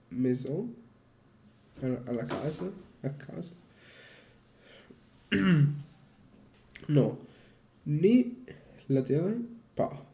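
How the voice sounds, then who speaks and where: A man studying on his own in a casual vlog, reading aloud haltingly, repeating syllables and swearing when he stumbles. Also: medium pitch, mellow. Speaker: language learner.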